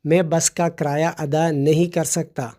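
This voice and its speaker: A man's voice: a little high, level tone, mellow. Patient man teaching vocabulary. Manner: patient, spells words letter by letter and repeats them. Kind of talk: explanatory language lesson.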